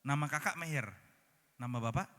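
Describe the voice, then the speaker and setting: A male pastor delivers an interactive sermon in a large conference hall, playfully quizzing the congregation with questions. His voice is on the high side with a sharp tone and moderate pace, and the reverberant hall carries background music.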